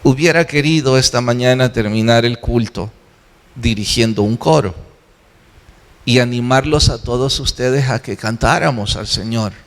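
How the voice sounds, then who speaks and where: Medium-pitched and moderately paced, this man delivers an earnest, exhorting sermon as pastor, frequently posing questions only to answer them himself. He speaks in a church sanctuary, with long hall reverb on the recording.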